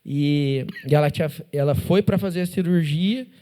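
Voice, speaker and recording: A man with a Brazilian Portuguese accent chats as a podcast guest, telling stories with animated energy and acting out the dialogue. His voice sits a little high with a mellow, warm tone. He keeps tagging his sentences with a questioning "né?". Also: fairly quick. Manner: animated, acts out dialogue, constant "né?" tags. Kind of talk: casual testimony storytelling. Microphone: studio podcast mic.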